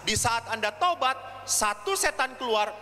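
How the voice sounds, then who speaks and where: Lively high-voiced priest preaching. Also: male voice, a little slow. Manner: lively storyteller acting out dialogue. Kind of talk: sermon with humorous anecdotes. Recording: long reverb of a large hall.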